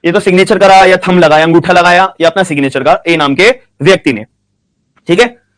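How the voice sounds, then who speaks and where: A man teaching a law class, speaking slowly and repeating questions and answers so students can write them down, with phrases. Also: sits high, fairly bright tone. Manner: slow dictation, repeats questions and answers, frequent "ठीक है" checks. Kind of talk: classroom lecture.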